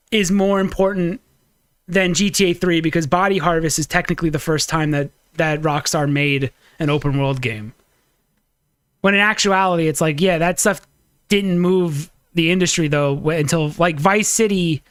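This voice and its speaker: A man's voice: sits high, moderate pace, a bit bright, smooth, no room sound. Heated man in his thirties arguing. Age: 30s. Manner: heated, swearing, argumentative. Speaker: podcast co-host. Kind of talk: casual podcast chat.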